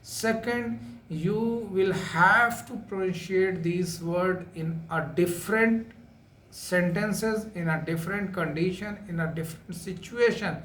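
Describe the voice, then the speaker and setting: A man giving a spoken English lesson, talking slowly with lots of repetition and filler sounds. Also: high-pitched, a bit bright, slight background noise. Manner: slow, repetitive, many filler uhs. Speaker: English teacher. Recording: echoey room with faint ambience.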